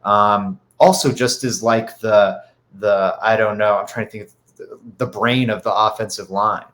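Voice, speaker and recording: A man's voice: fairly low pitch, fairly even intonation, unhurried, a bit bright. A man with a stuffy nose co-hosting a sports podcast, rambling with lots of fillers and restarts. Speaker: podcast co-host. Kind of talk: casual sports talk.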